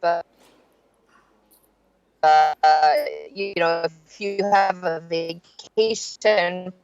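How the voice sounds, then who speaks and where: A woman's voice: on the low side, extremely slow, darkish tone, clean tone, no echo, soft background music. Woman on a call that keeps breaking up. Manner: rambling, many "you know" fillers. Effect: remote call breaking up and warbling. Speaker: guest real estate expert. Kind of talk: casual interview talk. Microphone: remote call. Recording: dull, dry remote call line.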